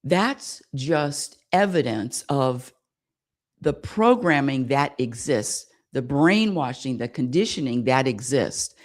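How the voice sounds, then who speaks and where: This US spirituality radio host talks slowly in an extremely low, expressive voice. Her monologue circles and searches repetitively, regularly calling on listeners for agreement.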